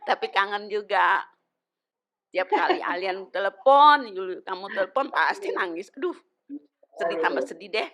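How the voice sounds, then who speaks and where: A woman's voice: medium pitch, moderate pace. A woman sharing memories of a close friend in casual storytelling, acting out quoted dialogue. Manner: lively, acts out quoted dialogue.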